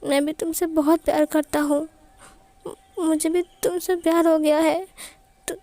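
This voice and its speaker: A woman's voice: very high voice, level tone, a little slow, mellow, no echo. A woman voicing a tearful young man who stammers and sobs in whispers.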